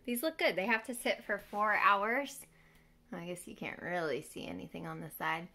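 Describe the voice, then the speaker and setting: A woman's voice: on the low side, normal speed, creaky, bright, forceful tone, roomy sound. A young woman hosting a casual cooking vlog, chatting upbeat to the camera in her home kitchen. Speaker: host.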